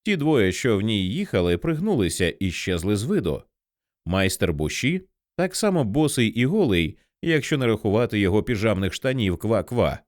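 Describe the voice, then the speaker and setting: A man narrating an audiobook in a lively, dramatic storytelling manner. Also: on the low side, normal speed, no room sound, clean studio sound.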